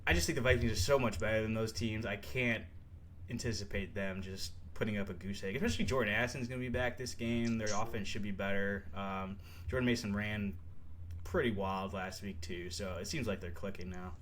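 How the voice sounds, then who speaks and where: A man's voice: lowish voice, steady tone, fairly quick, a little hiss or hum. A young man co-hosting a sports podcast, chatting casually and rambling with lots of fillers and laughs. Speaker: podcast co-host.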